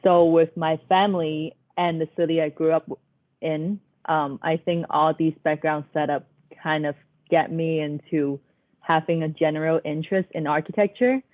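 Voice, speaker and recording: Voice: mid-range voice, fairly even intonation, normal speed, no echo. A young adult student talks through a thin, phone-like video call line. The delivery is earnest and thoughtful, with a few hesitant fillers. The sound is dry and close, with no room around it. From Hong Kong. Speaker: architecture student. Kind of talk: panel discussion answers.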